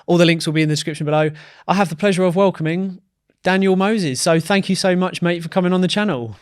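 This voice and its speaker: A man's voice: high voice, fast talker, clean tone, no echo, studio quality. A man hosting a podcast interview, upbeat and enthusiastic, often repeating words as he talks. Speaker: podcast host.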